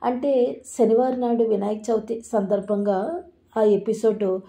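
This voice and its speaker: A woman's voice: on the high side, fairly even intonation, unhurried, warm tone. A woman host recapping a TV serial episode in a chatty, friendly way. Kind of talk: casual serial recap narration.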